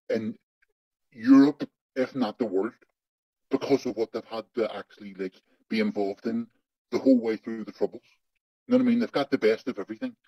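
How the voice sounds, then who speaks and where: A man speaks through a digital voice disguise that hides his identity, and the altered tone sounds dark and heavy. He is blunt and emphatic, swears freely and repeats words to press his point. The sound is dull and lo-fi, as if it came over a remote connection. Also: mid-range voice, dry recording. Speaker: interviewee, former undercover agent. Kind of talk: angry first-person testimony in an interview.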